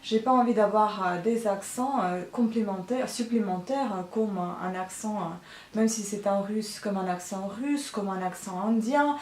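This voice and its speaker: A woman's voice: medium pitch, unhurried, a little mellow, recorded from a distance. A woman vlogger talking in a casual, hesitant monologue, full of filler sounds and frustrated complaints. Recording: roomy sound, voice from the mic.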